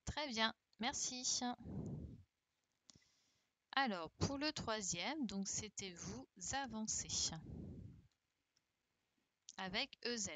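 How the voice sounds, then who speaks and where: A woman's voice: a little high, animated, drawn-out words, long pauses, sharp tone. A woman teaching a primary class online on a video call, patiently correcting exercises with her pupils, praising them and often checking "d'accord?". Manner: spells out word endings letter by letter. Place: home, virtual classroom.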